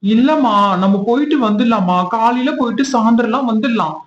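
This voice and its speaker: A man's voice: very high-pitched, a little fast, slight background noise. A man playing a fond husband in a home skit, calling his wife pet names and coaxing her along. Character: doting husband, affectionate, pushy about family. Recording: echoey, dull room recording.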